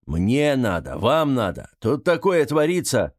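A man voicing a gruff, exasperated man with a hoarse voice, calling through a door. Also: medium pitch, sing-song, measured pace, pitched above the performer's own voice.

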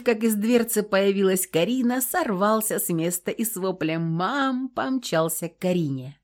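A woman narrates an audiobook in a storytelling manner. Her pitch moves in a lively way. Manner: even, storytelling. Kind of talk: scripted narration.

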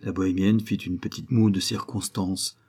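Male audiobook narrator, measured and literary, low husky voice. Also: fairly even intonation, darkish tone. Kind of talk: scripted narration.

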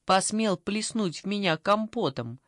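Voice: mid-range voice, animated, a little slow, a bit bright, no echo. Narrator plays a crude drunken old mother, sneering and long-winded, close dry read. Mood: ranting. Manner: rough, scornful ranting. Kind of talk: audiobook character voice.

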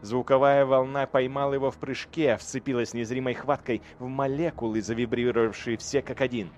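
A man's voice: medium pitch, steady tone, brisk, a little mellow, slight background noise. Dramatic male audiobook narrator. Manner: dramatic, swelling on violent passages.

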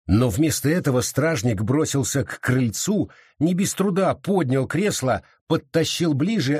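Expressive husky male audiobook narrator. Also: mid-range voice, no room sound, studio quality. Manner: expressive reading, voices all characters. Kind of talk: scripted narration.

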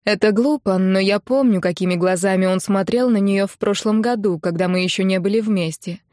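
A woman reads a first-person novel in an even storytelling delivery at a middle pitch. The recording is dry and close, with no room sound. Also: fairly quick, no room sound. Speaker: audiobook narrator.

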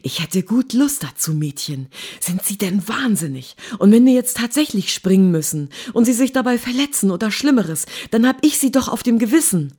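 A gruff middle-aged war reporter who grumbles and blusters, barking his lines before dropping to a hush, read out by a woman. The voice sits low and mellow, a storybook figure read aloud rather than fully acted. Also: fairly quick. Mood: blustering. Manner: blustering, barking, then hushed.

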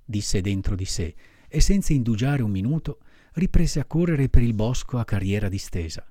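A man's voice: on the low side, lively intonation, moderate pace, dark tone, no echo, studio quality. A man reading a classic children's story aloud with dramatic, varied delivery. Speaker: audiobook reader. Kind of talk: expressive storybook narration.

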